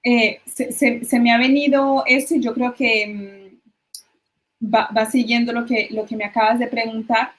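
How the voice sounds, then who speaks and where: A woman's voice: a little high, steady tone, measured pace. A woman guest expert explaining ideas in a conversational interview, with hesitant restarts.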